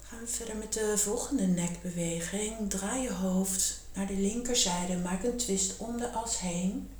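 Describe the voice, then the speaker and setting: A woman guiding a meditation and yoga lesson in a slow, calm, soothing voice, often half-whispering. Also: mid-range voice, slight background noise. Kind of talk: guided meditation and yoga instruction. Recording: echoey room.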